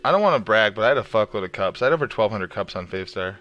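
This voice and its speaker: A man's voice: fairly low pitch, lively intonation, very fast, fairly bright tone, dull audio. A man co-hosting a talk podcast, wry and profane, laughing often in casual chat. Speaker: podcast co-host.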